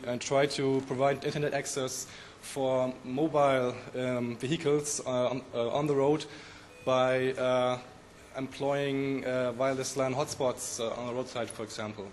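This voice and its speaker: A man with a croaky, hoarse voice from a flu, giving a technical conference presentation with many pauses and fillers. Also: medium pitch, a little hiss or hum. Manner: halting, many ums and uhs. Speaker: conference speaker.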